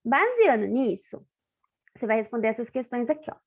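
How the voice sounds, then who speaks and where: Brazilian woman teacher, kinda high voice, explains slow and checks in a lot, muffled online class sound. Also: big pitch swings. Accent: Brazilian Portuguese. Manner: patient, explains step by step with frequent checks like "tá?". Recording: dull lo-fi online class audio.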